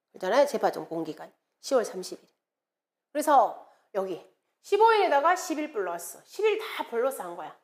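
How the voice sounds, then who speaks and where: 암기법을 리듬감 있게 외우고 수시로 질문을 던지며 강의하는 중년 여성 강사. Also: female voice, a little high. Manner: lively, sing-song mnemonic chanting, rhetorical questions. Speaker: exam prep lecturer. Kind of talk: classroom lecture with mnemonics.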